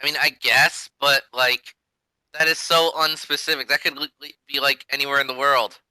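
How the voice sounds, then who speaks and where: A man hosting a casual podcast, giggly and quick to laugh. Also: mid-range voice, little pitch movement, sharp tone, smooth, no room sound. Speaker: podcast host. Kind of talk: casual chat.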